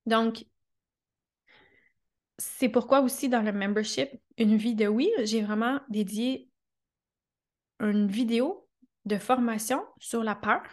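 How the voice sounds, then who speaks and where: Earnest Québécois woman, slightly high voice. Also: fairly even intonation, takes it slowly, pauses often. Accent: Québécois French. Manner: earnest, emphatic, repeats phrases, checks in with listeners; laughs often while talking. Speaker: podcast host and coach. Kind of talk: motivational podcast monologue.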